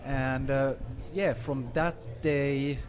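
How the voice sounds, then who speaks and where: A man in his forties, born in Finland and raised in Sweden, speaks casually with many fillers as a guest artist in an interview. His mid-range voice has fairly even intonation and an extremely slow pace.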